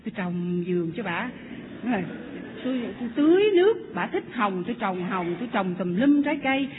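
A woman's voice: medium pitch, sing-song, fairly quick, slight background noise, voice pushed down, lightly acted. A woman voicing a baffled middle-aged husband, listing his deeds in a matter-of-fact way. His words ring out in an echoey hall and come through a thin, phone-like line. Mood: defensive.

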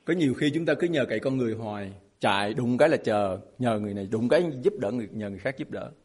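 A man's voice: mid-range voice, expressive, very fast, a little mellow, slightly rough. A man preaching a sermon as a pastor, emphatic and asking his congregation rhetorical questions.

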